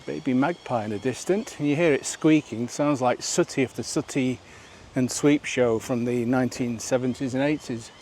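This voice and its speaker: A man's voice: medium pitch, normal speed, a little mellow, a little hiss or hum. Chatty man vlogging on a trail. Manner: chatty, rambling, asks viewers questions. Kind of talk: walking vlog narration. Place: outdoors on a rural nature trail.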